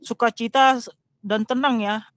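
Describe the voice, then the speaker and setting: A woman interviewer gently affirming and paraphrasing her guest's words. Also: on the high side, fairly even intonation, normal speed, dry recording. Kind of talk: supportive interviewing.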